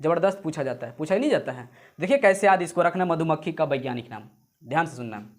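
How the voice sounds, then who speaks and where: A man's voice: fairly high pitch, big pitch swings, fast talker. A man teaching an exam-prep lesson, repeating points over and over and calling viewers "friends". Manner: repetitive drilling, addresses viewers as friends; explains memory tricks with jokes and sung snippets. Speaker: coaching teacher.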